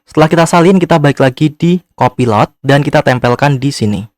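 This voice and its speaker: A man's voice: fairly high pitch, a little fast, no echo, clean studio sound. A man narrating a casual step-by-step screen tutorial, speaking informally and directly to viewers. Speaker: tutorial host.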